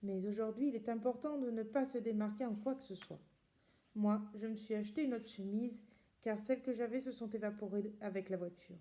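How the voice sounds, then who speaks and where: A woman reads a diary aloud at a calm, measured pace, her voice dark and mellow. She pauses now and then, adding her own comments with hesitant fillers. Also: a little high. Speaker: reader.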